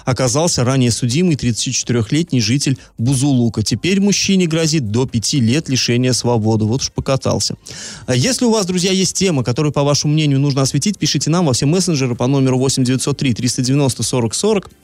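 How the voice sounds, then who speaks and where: A male radio host with a medium-pitched voice in a dry studio. He talks casually, reworking his sentences as he goes and slipping in wry asides. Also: animated, fast, a little mellow, no room sound. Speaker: radio morning show host. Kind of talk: casual live radio talk with news and sponsor reads.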